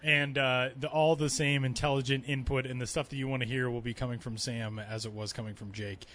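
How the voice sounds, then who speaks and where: A man's voice: mid-range voice, little pitch movement, brisk, fairly bright tone. A man hosting a sports podcast in upbeat, chatty, informal style from a press box booth, with a slightly cave-like sound. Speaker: podcast host. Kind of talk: casual sports podcast chat.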